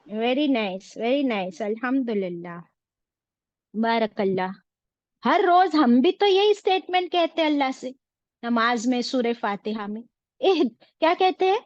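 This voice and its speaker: A woman's voice: on the high side, expressive, measured pace, no room sound, dull audio. A woman teaching an online religious class, asking her students questions and mixing in English phrases. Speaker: Quran teacher.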